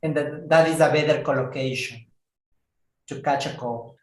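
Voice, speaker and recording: Speaking at medium pitch in an echoey room, a man teaches an English lesson to a class. He talks slowly and carefully, repeating words so his students can keep up.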